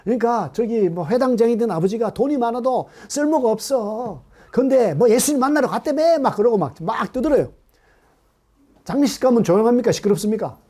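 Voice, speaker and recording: A middle-aged man preaching a sermon to a congregation in an animated way, often asking them questions. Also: very high-pitched. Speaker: pastor. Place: church hall.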